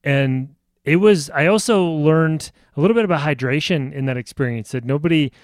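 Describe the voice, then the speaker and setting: A man's voice: fairly high pitch, normal speed, no room sound. Man from rural Nebraska, middle-aged, easygoing, laughs often, casual co-host, dry sound. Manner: easygoing, laughs a lot, repeats words. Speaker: podcast co-host. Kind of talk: casual chat.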